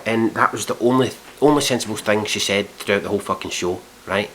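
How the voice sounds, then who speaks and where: A man's voice: on the low side, a little fast, a bit bright, a little hiss or hum. A man ranting in a casual review video, exasperated and swearing a lot. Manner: exasperated, heavily profane, mock-outraged.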